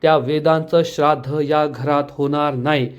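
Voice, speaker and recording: Man doing a mocking, scolding sister-in-law, bit high pitched, muffled sound. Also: steady tone, moderate pace, natural voice. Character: angry sharp-tongued sister-in-law, a young woman.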